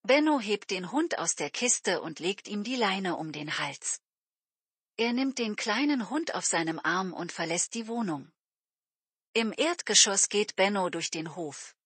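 A woman reads a storybook aloud at a very slow, deliberate pace for learners, her tone bright and slightly breathy. The recording is close and dry, with no room sound behind her. She keeps her delivery calm and even, marking each phrase clearly. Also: medium pitch, dry recording. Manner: clear, carefully paced storytelling with light character voices. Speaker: audiobook narrator. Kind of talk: slow scripted narration for German learners.

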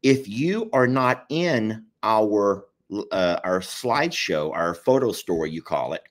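A man with a deep Southern Texas drawl, chatting casually and jokingly on a live stream in a folksy, rambling way. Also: lively intonation, takes it slowly. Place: living room at home.

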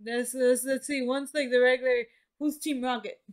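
Female stream co-host, distinctly high voice, casual, giggly and playful. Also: level tone, moderate pace. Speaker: livestream co-host. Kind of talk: casual livestream chat.

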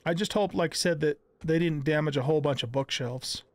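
Thinking aloud in a relaxed, conversational way, a middle-aged man provides casual commentary on his gameplay as a gaming video host. His voice is a little high and his pace fairly quick.

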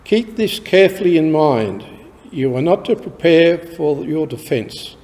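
A man with an Australian accent, a priest reading the Gospel at Mass in a slow, measured way, his voice ringing with cathedral echo. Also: on the high side, animated, a little mellow. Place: large church. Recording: long cathedral reverb.

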